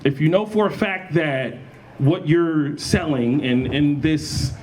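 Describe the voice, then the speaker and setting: A young man speaking as a panelist at a convention, animated and laughing often, with lots of restarts. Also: on the high side, takes it slowly, a little hiss or hum. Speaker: panelist, battle rapper. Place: college event room.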